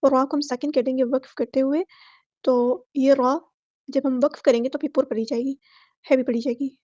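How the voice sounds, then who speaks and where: A woman with an Urdu accent teaching Quran recitation rules word by word, explaining each rule quickly and then reciting the words slowly and loudly. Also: high voice, flat delivery, no room sound, muffled recording. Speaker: tajweed teacher.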